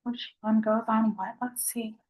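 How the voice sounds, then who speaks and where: A soft-spoken woman chatting casually in a food vlog, talking at a low volume. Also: fairly even intonation, unhurried, poor audio. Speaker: vlogger.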